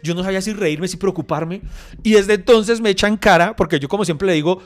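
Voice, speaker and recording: A young man, co-hosting a podcast in casual chat, telling lively anecdotes and laughing often. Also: sits high, fairly quick. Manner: animated storytelling, laughs often, mock voices. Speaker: podcast co-host.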